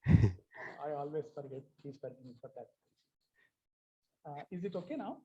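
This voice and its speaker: A man's voice: fairly high pitch, lively intonation, moderate pace, mellow, husky. A man speaking as a student in an online class, hesitant and apologetic as he asks his teacher something. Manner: apologetic, deferential. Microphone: online call microphone. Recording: echoey, muffled online call audio.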